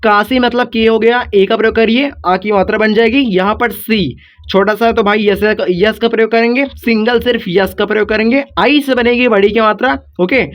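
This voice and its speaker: A man's voice: sits high, steady tone, moderate pace. A man teaching a video lesson, patiently repeating each step and talking to his viewers as if they were kids. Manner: patient, repetitive explaining, addresses viewers as kids. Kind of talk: classroom-style video lesson. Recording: dull lo-fi recording.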